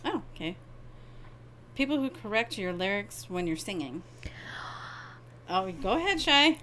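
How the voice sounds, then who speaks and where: A middle-aged woman co-hosting a podcast with her daughter, chatty and self-deprecating with quick asides. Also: mid-range voice, very animated, fairly bright tone, slight background noise, poor audio. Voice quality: hard of hearing. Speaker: co-host, mother. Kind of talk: casual podcast chat.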